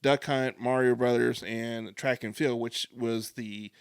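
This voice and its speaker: A man's voice: mid-range voice, fairly even intonation, measured pace, clean tone, no room sound, studio quality. A man in his forties, co-hosting a podcast, telling rambling nostalgic stories in casual chat. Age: 40s. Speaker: podcast co-host.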